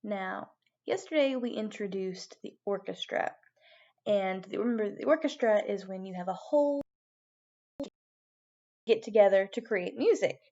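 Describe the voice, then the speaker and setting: A woman giving a video music lesson to young children as their teacher, animated and prompting them with questions. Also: mid-range voice, moderate pace, pauses often, highs cut off.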